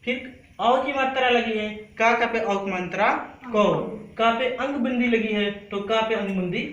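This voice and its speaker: A male teacher with a high-pitched, bright voice leads a class lesson. He drills each sound, repeats it, and keeps asking the class to answer back. The voice rings in an echoey room with faint noise behind it. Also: measured pace, highs cut off.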